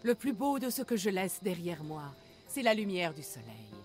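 A woman's voice: fairly low pitch, sing-song, normal speed, darkish tone. Elderly female poet, stagey declamation, proud, swooping intonation, video game drama, faint music. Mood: theatrical reciting. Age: older. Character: grey-haired old poetess, proud, theatrical, fond of her art. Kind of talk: video game character acting in French dub.

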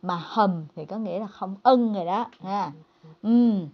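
A woman English teacher giving a bilingual lesson. She reads dialogue lines slowly and clearly, then explains them in a chatty tone. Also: mid-range voice, muffled recording.

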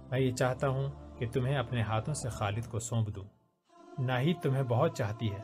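A man voicing an earnest young soldier who speaks gently and with care to his younger sister. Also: medium pitch, natural voice. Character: earnest young soldier, caring older brother.

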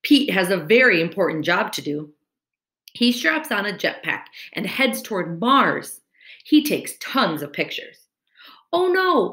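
Here a woman in her thirties, mid-range in voice, performs a children's story expressively, like a teacher addressing little kids. A computer mic at webcam distance picks her up in a home room for a screen-recorded video, leaving a roomy, echoing sound.

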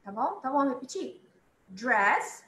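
A woman's voice: a little high, animated, pushed and bright. Chatty woman teaching beginners in echoey room. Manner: chatty, repeats words slowly for students. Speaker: English teacher. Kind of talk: online English lesson for beginners.

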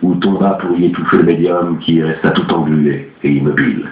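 Man narrating an audiobook, lowish voice, steady reading, tinny phone-like audio, echoey room. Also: fairly quick. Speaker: audiobook reader. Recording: tinny lo-fi, roomy echo.

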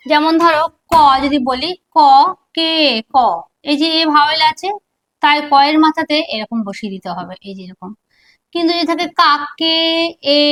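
A woman teacher giving a lesson at a board, speaking slowly and repeating syllables aloud to show how they sound. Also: high voice, fairly bright tone. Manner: slow, repeats syllables to demonstrate pronunciation. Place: classroom with a board.

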